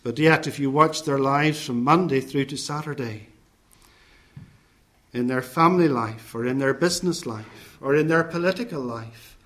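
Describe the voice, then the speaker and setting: A man preaching a sermon in a measured, deliberate way, setting out points one by one and listing phrases with care. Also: medium pitch, a bit bright.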